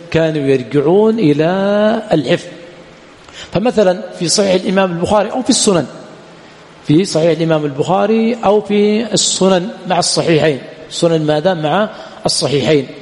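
A man teaching a classroom lecture on hadith sciences, repeatedly pausing to quiz his students on the next word. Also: on the high side, a little mellow, in a large hall. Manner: quizzes students with repeated "what?" prompts. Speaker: Islamic studies teacher. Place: lecture hall at a study center.

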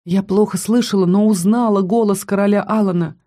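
A woman narrating a fantasy audiobook in an expressive, dramatic reading style that slows for tense lines. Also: medium pitch.

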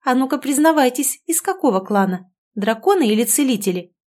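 A woman voicing a spirited, brash young woman in an audiobook, talking boldly and loudly. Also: sits high, lively intonation, brisk, pitched above the performer's own voice. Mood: suspicious teasing. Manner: bold, shouting, playfully rude.

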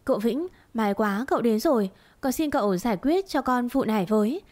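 A woman voicing a hot-tempered male cart pusher in a storybook reading, defensive and gruff. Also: a little high, expressive, brisk, darkish tone, no echo, lightly acted.

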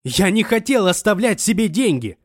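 A man performs a desperate, wounded young man, sobbing and shouting through tears. He pitches his voice high, above his own natural range, delivering it with animation at a moderate pace. The studio-quality recording has no echo.

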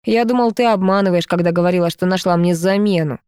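A woman's voice: lowish voice, fast, darkish tone, smooth, no echo, studio quality, natural voice. A woman reading as a hysterical, mocking young ex-boyfriend. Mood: taunting. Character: brash jealous young man, the ex.

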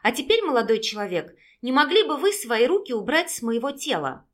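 A woman voicing a sharp-tongued, feisty young woman who snaps back with sarcasm in an audiobook. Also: high-pitched, very animated, brisk. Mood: sarcastic. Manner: sarcastic, indignant, loud.

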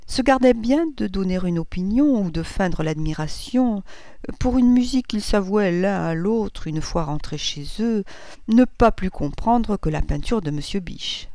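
A woman narrating a classic novel in a measured, even reading voice. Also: medium pitch, dry recording. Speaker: audiobook reader.

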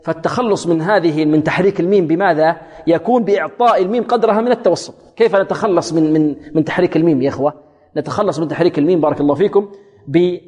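A man teaching Quran recitation rules, who recites short passages slowly, quizzes his students, and repeats phrases to correct their pronunciation. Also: a little high, a little mellow, long reverb tail. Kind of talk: tajweed lesson with recited examples.

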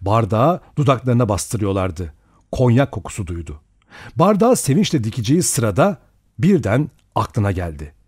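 A man narrating an audiobook dramatically, slowing and speeding for suspense. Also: on the low side, slightly rough, no echo, studio quality. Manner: expressive, varies pace for suspense.

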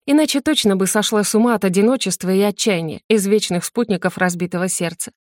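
A woman narrating an audiobook in the first person, with a lively, expressive reading. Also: medium pitch, fast, dry recording, studio quality.

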